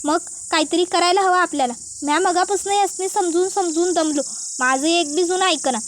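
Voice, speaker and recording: A woman's voice: very high-pitched, moderate pace, a little hiss or hum. A woman voicing a young village daughter-in-law who pleads and reasons to stop a quarrel. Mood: pleading.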